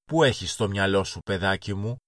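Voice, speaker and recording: A man's voice: low-pitched, a bit bright, no room sound, studio quality. A man voicing a small girl in a children's storybook reading; she talks earnestly, like a wise little old woman. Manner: earnest, prim, lecturing.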